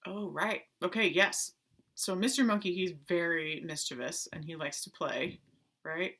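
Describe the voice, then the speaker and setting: A woman teaching a playful online strings lesson for children, asking questions and keeping it lively. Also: fairly low pitch, a little slow. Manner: animated, talks to kids with pretend play and questions. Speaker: music teacher. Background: violin notes.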